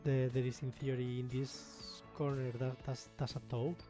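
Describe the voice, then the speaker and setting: A man's voice: medium pitch, level tone, moderate pace, over music. Self-deprecating Spanish-accented man. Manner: self-deprecating, rambling with many fillers and restarts. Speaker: miniature painting hobbyist. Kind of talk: casual tutorial talk.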